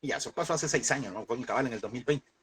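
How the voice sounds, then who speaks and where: A man's voice: mid-range voice, racing, a bit bright, a little hiss or hum. A man, a pastor preaching a lesson, telling a personal story and fervently calling his listeners brother.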